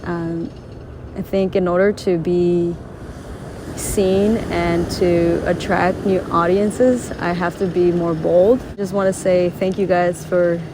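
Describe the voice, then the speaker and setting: This Spanish-first-language woman speaks slowly and flatly in a lowish voice while vlogging on the beach, still earnest and chatty with many fillers. The recording is outdoors, with loud, noisy waves behind her.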